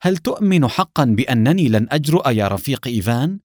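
A man voicing a cool, sarcastic male secret agent who speaks calmly and coldly. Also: medium pitch, fast talker, no room sound, clean studio sound, close to an everyday voice. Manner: calm, mocking, cold.

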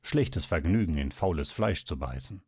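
Ein Mann spricht einen mürrischen, ungeduldigen älteren Doktor in einem Hörbuch, mit tiefer, brummender Stimme. Trocken und nah aufgenommen. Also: male voice, rumbling low, expressive, normal speed, a little mellow, husky, no room sound, studio quality, full character voice. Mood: grumbling. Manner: grumbling, impatient. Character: gruff, irritable older male doctor.

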